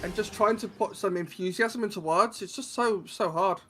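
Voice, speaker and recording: A man's voice: high-pitched, moderate pace. A man casting a live esports match, bantering playfully with his co-casters. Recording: game music clearly behind the voice.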